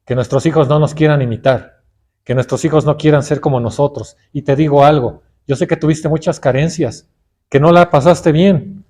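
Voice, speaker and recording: A man's voice: a little high, fairly even intonation, normal speed, darkish tone. A middle-aged man with a Mexican Spanish accent preaching a sermon, often calling his listeners brothers and putting questions to them.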